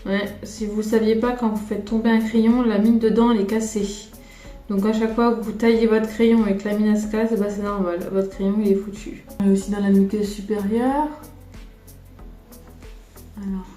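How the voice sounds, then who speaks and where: A woman's voice: mid-range voice, flat delivery, normal speed, mellow. A woman from France chatting through a casual makeup tutorial, rambling and poking fun at herself, filmed on a camera on a tripod. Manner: chatty and self-deprecating, rambling asides. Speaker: makeup vlogger. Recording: roomy room, faint music behind.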